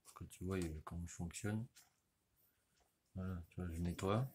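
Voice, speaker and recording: A middle-aged motorcycle mechanic with a deep, steady, slightly mellow voice talks casually at normal speed while working on an engine in his home workshop or garage, explaining how-to style. He rambles in slang, tagging nearly every phrase with a "you see," saying "tu vois" constantly, and there's a little hiss or hum.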